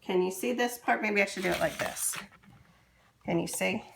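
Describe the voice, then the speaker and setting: A woman teacher giving a slow, patient cooking demonstration for young children in a kitchen. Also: mid-range voice, gravelly, echoey room, a little hiss or hum. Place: kitchen with running water.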